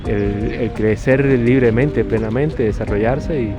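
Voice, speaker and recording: A man from Cuba answers a street interview at a middle pitch, stalling often and restarting his sentences. Loud music plays behind him outdoors. He speaks as a doctor talking to the interviewer. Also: a little slow. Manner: hesitant, many fillers and restarts.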